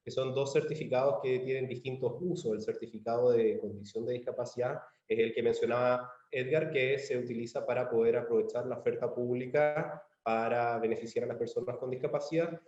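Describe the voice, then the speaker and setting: A man from Chile with a Chilean accent gives a measured online presentation, pausing on fillers and restarting phrases. His voice sits in a middle range. It comes through a dull, lo-fi video-call line from a roomy space. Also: medium pitch, fairly even intonation, a little mellow. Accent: Chilean Spanish. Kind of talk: virtual conference presentation. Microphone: computer mic on a video call.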